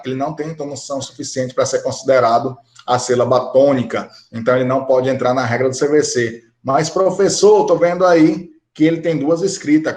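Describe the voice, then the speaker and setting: A man's voice: medium pitch, echoey room. A man with a Brazilian Portuguese accent teaching an English grammar lesson, explaining each rule step by step and often checking in with the class. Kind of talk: recorded online grammar lesson.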